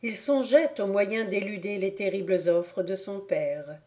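A woman reading a classic novel aloud as an audiobook narrator, in a calm, measured and deliberate way. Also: mid-range voice. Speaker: audiobook reader.

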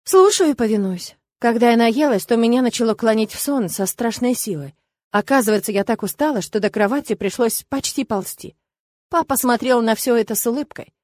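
A woman's voice: on the high side, a little fast, a little mellow, no room sound. Woman narrating an audiobook, dry sound. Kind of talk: scripted first-person audiobook narration.

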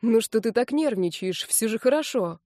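A woman reading an audiobook, voicing a reckless, stubborn young man who talks low and grumbles quietly. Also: animated, normal speed, no room sound, studio quality, close to an everyday voice. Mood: grumbling.

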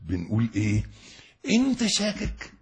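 A man with an Egyptian Arabic accent, giving a religious lesson as a preacher who talks straight to his listeners with passion, moving between quiet recitation and loud urging. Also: mid-range voice, wildly swooping pitch, normal speed, breathy edge. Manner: impassioned, addresses the listener directly.

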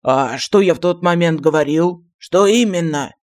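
A pompous old genie and royal stargazer, voiced by a man, fussy and easily offended. He swings between grumbling and grand declarations in a fairly high voice. A storybook figure with an odd, unusual timbre. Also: lightly acted. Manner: grandiose and touchy, flares up fast. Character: pompous excitable old male genie astrologer.

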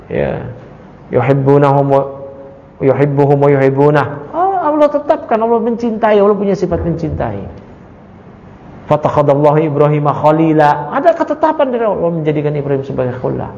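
A man's voice: fairly high pitch, animated, moderate pace, creaky, mellow, slight background noise. A man teaching an Islamic study class. He recites Arabic lines and then explains them, and he often asks the audience rhetorical questions and jokes with them. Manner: casual with playful jokes. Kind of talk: religious study lecture. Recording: dull, echoey lecture hall recording.

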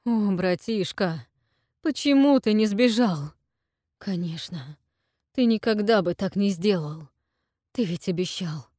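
A woman voicing a desperate young man tormented by guilt, who cries out in strained, hoarse pleas. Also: lowish voice, animated, unhurried, dark tone, dry recording, clean studio sound. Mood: anguished.

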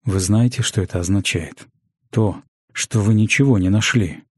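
A man reading an aging mage teacher who speaks in a dry, curt, hoarse way. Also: lowish voice, normal speed, dry recording.

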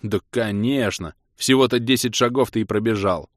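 A man voicing a gruff male prisoner who hisses and growls reproaches at his companions, in an audiobook. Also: on the low side, moderate pace, dry recording, clean studio sound, lightly acted. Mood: grumbling.

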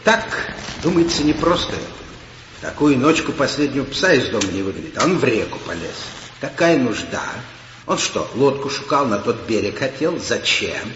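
A man's voice: medium pitch, very animated, moderate pace, fairly bright tone. A hard, suspicious male soldier played by an actor in a stage war drama. He is blunt, colloquial and insistent. The sound is dull and echoes around a hall. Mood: suspicious, pressing. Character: gruff, suspicious, hard-hearted soldier, adult man. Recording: dull echoey hall, faint ambient noise.

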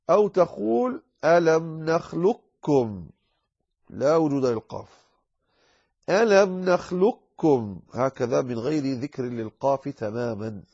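A man teaching the rules of Quran recitation in an explanatory lecture, slowing down to recite examples with drawn-out words. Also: mid-range voice, vocal fry, darkish tone, slightly rough, highs cut off.

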